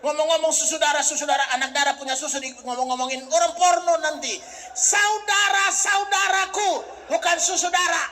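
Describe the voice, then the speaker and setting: A male pastor from Sumatra, preaching a humorous sermon, joking and breaking into shouts. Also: very high-pitched, steady tone, fast talker, hardly any pauses, slight background noise.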